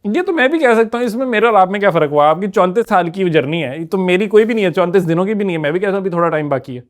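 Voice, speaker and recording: A man hosting a podcast interview with a somewhat high-pitched voice. He asks probing questions and slips English words into his talk. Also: animated. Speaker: podcast host.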